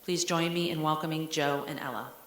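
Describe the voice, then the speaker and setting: Low-voiced woman superintendent in a roomy hall. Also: fairly even intonation, a little fast, background noise. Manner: storytelling, warm conversational with fillers. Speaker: school superintendent. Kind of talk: speech to an audience.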